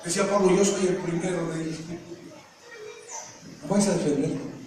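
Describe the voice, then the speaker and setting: A man preaching a sermon, firing rhetorical questions, breaking into shouts and joking asides. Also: a little high, fairly even intonation, normal speed. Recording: echoey hall from far off, faint noise.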